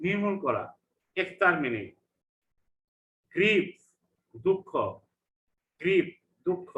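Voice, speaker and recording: A man's voice: fairly high pitch, fairly bright tone. A man with a Bangladeshi accent, an English lecturer giving an online vocabulary class, repeating each word with its meaning in two languages. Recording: echoey room, dull lo-fi sound.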